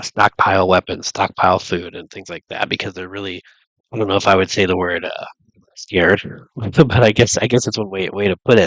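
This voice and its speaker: A man's voice: low-pitched, a bit bright, no room sound, low-quality recording. A man with a stuffy nose from a cold, rambling through a casual monologue and thinking aloud with lots of restarts and fillers. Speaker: vlogger.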